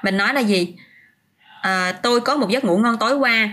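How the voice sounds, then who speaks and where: A woman's voice: on the high side, moderate pace, fairly bright tone, slight background noise. A woman teaching English vocabulary on a casual livestream, chatting, answering viewers' comments by name and often restarting her sentences.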